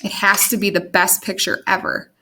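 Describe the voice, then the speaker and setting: A woman's voice: mid-range voice, normal speed, noisy background. Woman reading a picture book aloud. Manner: expressive, animated read-aloud. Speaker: storyteller. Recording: music under the reading.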